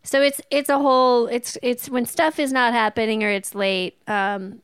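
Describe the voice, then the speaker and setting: A woman's voice: on the high side, steady tone, moderate pace, clear, resonant tone, dry recording. A woman and former restaurant server chatting casually on a podcast, telling stories with quoted asides. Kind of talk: casual chat.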